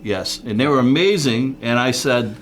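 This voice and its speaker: A man's voice: mid-range voice, lively intonation, moderate pace, a little hiss or hum. A man as a guest musician in a casual interview chat, rambling and repeating words as he tells stories. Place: local TV studio.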